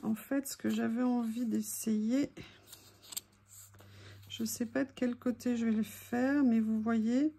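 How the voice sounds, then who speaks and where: A woman's voice: a little high, fairly even intonation, slow pace, vocal fry, pauses often, mellow, a little hiss or hum. A woman chatting casually while making a collage at home, playful and teasing with asides to her dog. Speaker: craft vlogger.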